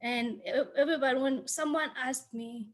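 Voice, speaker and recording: A woman's voice: high-pitched, fairly even intonation, moderate pace. A woman from the Congo, a graduate, earnestly telling her story on a video call.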